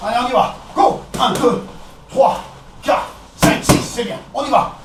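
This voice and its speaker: A man with a French accent coaching a boxing session, counting out combinations and calling out punches in short, brisk commands. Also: very high-pitched, very animated. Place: echoey boxing gym. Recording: echoey gym, distant camera, background noise.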